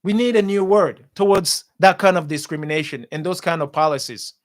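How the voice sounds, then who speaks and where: A man with a fairly high voice delivers impassioned political commentary as a talk show host. He hammers his points home with repetition and talks straight to his viewers. His voice comes through a studio mic. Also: fairly quick. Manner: forceful, repetitive, addresses viewers as guys.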